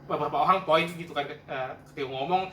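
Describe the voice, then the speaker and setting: Fast-talking Jakarta man who says r like w. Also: a little high, fairly bright tone. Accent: Jakarta Indonesian. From Indonesia. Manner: mixes English words into speech. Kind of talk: casual group chat. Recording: roomy echo, distant mic, faint noise.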